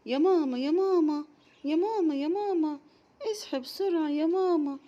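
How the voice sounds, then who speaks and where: A woman's voice: extremely high pitch, a little fast, dark tone, dull audio, pitched above the performer's own voice. A woman voicing a small, impatient little girl who fibs and pleads, with an Egyptian accent. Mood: whining, urgent. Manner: pleading, whining, repeating calls.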